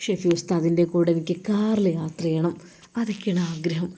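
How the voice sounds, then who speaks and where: Give me a woman playing a scheming young wife with a soft, warm, wheedling Malappuram voice. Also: on the low side, steady tone, fairly quick, breathy edge. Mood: coaxing. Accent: Malappuram Malayalam. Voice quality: wheedling, sing-song pleading. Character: young wife coaxing her husband, sweet and scheming.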